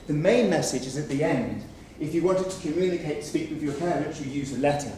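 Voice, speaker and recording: A man's voice: fairly high pitch, brisk, warm tone. A man giving a conference research presentation, explaining examples patiently and often hedging with "sort of". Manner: explanatory, frequent "sort of" hedges. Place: conference room. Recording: echoey room, mic far off, faint noise.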